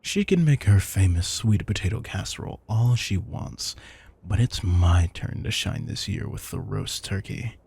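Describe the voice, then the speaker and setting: In an intimate audio roleplay, a man plays a retired supervillain turned doting house husband, affectionate and theatrical, teasing with mock grandeur. His low, gravelly voice has a dark tone and breathy edge, delivered as a full, animated character voice at a moderate pace. The mood is playful and competitive.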